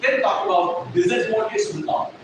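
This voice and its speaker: This man's high-pitched, expressive delivery runs a little fast while he lectures a classroom as a trainer. He hammers and repeats his points, checking the students are following along. The audio is noisy, with classroom echo and the mic placed far off.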